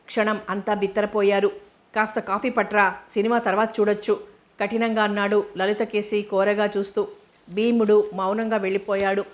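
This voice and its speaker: A woman narrating a novel as an audiobook in a steady, measured way. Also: medium pitch.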